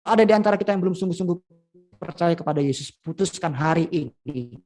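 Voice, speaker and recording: Lively storytelling male preacher. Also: fast, faint music behind. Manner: storytelling, lively swings in pitch and loudness. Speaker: pastor. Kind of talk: sermon. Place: school event.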